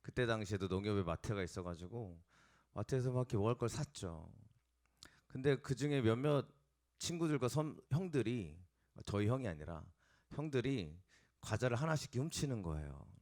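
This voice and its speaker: A male pastor preaching a sermon and telling a lively story from his own childhood, acting out the voices of the people in it. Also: mid-range voice, moderate pace. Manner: animated storytelling, acts out quoted voices. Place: church sanctuary.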